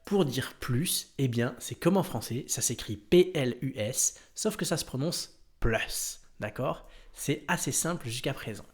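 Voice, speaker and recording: A man's voice: mid-range voice, animated, measured pace, hardly any pauses. A French-speaking man teaching a lesson, patient, spelling out words letter by letter. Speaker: English teacher. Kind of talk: explaining a lesson.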